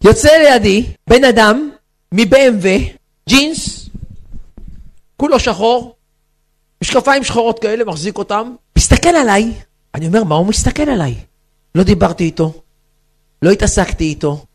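A man's voice: sits high, pauses often. A man, a rabbi, giving a humorous storytelling talk to women, acting out characters and asking the audience questions. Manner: animated, acts out characters, asks the audience questions.

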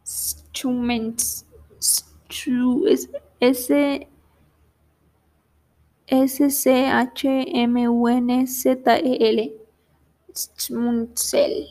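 A young woman talks to herself in a casual vlog, slowly and haltingly sounding out German and English words as she studies. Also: high voice, flat delivery, warm tone. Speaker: vlogger. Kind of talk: casual self-talk while studying languages.

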